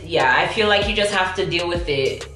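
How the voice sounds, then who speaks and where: Faint background music and a roomy echo surround this vlog host as she reads out questions from viewers. Her voice is fairly low but bright and forceful, her delivery slangy and emphatic, and laughter comes quickly to her in this casual, chatty video.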